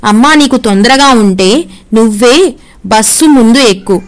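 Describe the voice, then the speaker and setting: A distressed temple priest who answers back defensively, as a woman narrator reads his lines. The voice sits a little high, in a plain storytelling delivery. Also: animated, a little slow. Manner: defensive, upset. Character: distressed middle-aged male temple priest.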